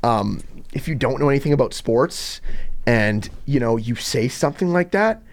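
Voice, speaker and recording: A young man hosting a casual podcast, telling stories in an animated way. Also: normal speed. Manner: animated storyteller, jumps to high pitch in quotes. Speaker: podcast host.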